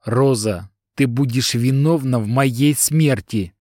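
A man's voice: mid-range voice, slow pace, dry recording, studio quality, close to an everyday voice. A man reading an audiobook, voicing a despairing middle-aged husband who moans in a melodramatic way. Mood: moaning. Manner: moaning, melodramatic. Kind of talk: audiobook character dialogue.

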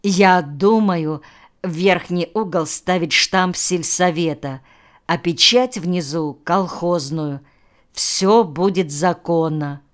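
A woman's voice: lowish voice, slow pace. A woman reading the lines of a fussy, suspicious male village official who keeps pressing his point. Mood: officious. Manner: insistent, officious.

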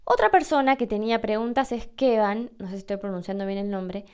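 Argentine woman podcast host, smooth resonant voice, patient step-by-step teacher. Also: mid-range voice, brisk, a little mellow. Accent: Argentine Spanish. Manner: clear, patient, explains step by step. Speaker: podcast host answering listener questions. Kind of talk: explanatory language lesson.

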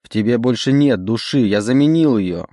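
A man's voice: mid-range voice, animated, moderate pace, mellow, no echo, clean studio sound, close to an everyday voice. A man voicing a possessive demon bound to a young man's soul, pleading and insistent in an audiobook reading. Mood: desperate. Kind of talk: audiobook character voice.

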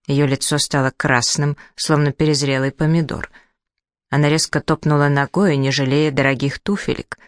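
Steady audiobook narrator, dry sound. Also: mid-range voice, moderate pace, smooth, dry recording. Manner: steady storytelling. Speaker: audiobook reader. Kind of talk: scripted novel narration.

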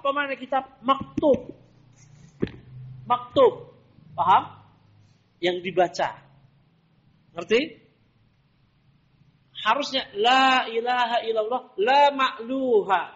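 A man's voice: very high voice, fairly bright tone, a little hiss or hum. A man teaching a religious class, quizzing his students with rhetorical questions. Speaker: Islamic teacher. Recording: dull lo-fi lesson recording.

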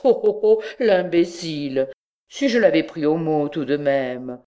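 A woman's voice: animated, moderate pace, a little mellow. A woman voicing a flustered, timid middle-aged male clerk who stammers in a raised voice. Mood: mocking. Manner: stammering, higher-pitched.

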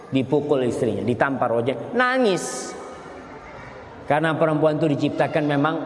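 A man preaching a sermon, telling a story with lively swings and acting out the voices of the people in it. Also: a little high. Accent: Indonesian. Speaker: Islamic preacher. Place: large hall with congregation. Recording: echoey hall, faint background noise.

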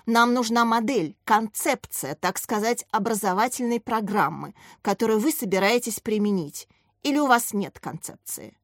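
A woman's voice: fairly high pitch, lively intonation, normal speed, dry recording, clean studio sound. A woman reading the part of a pushy, lecturing female psychologist parent in an audiobook. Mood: demanding. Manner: lecturing, demanding, condescending.

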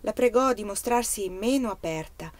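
A woman reading a novel aloud as an audiobook narrator, in a measured, steady literary manner. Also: mid-range voice, no echo. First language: Italian. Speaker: reader.

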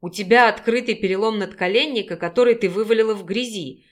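A woman's voice: medium pitch, quick pace, natural voice. Woman reading as a harsh, scolding werewolf man. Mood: furious. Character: gruff angry male werewolf rescuer. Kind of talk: audiobook reading.

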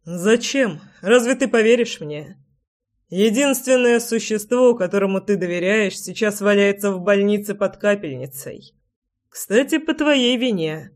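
A reader voicing Fieri, a calm and firm father who speaks in a measured way. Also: high-pitched.

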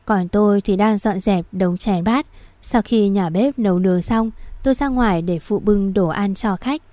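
Female storyteller, mellow and dry; reads narration and voices every character. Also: medium pitch, moderate pace, no room sound. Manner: voices each character in turn. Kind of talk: storytelling narration of a family drama.

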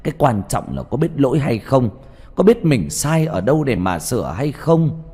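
A man voicing an angry, grieving old father who shouts and scolds. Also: on the low side, very animated, a little slow, breathy edge, long reverb tail, soft background music, heavily acted. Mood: furious pleading.

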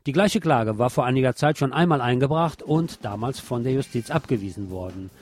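In the role of a radio show host, a man reads scripted local news and adds opinionated commentary while music plays behind him. His darkish, medium-pitched voice is animated and brisk.

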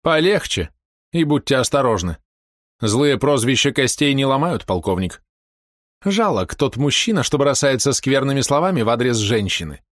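A man's voice: mid-range voice, big pitch swings, normal speed, no echo, studio quality, voice pushed up, close to an everyday voice. A man voicing a cold, contemptuous woman criminal in an audiobook, speaking in a taunting, mocking way. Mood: scornful. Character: cold scornful female murderer.

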